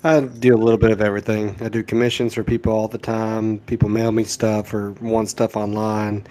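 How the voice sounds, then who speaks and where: A man talking casually about his illustration work in a steady, matter-of-fact way. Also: lowish voice, brisk. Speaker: guest illustrator. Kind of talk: casual chat.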